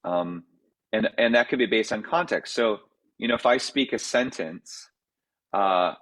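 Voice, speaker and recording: Composer Q&A, male, lowish voice, halting and thoughtful, lots of ums. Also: fairly bright tone, rough recording. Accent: American. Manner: thoughtful, halting, many fillers and restarts; reads out audience questions. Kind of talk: casual Q&A talk.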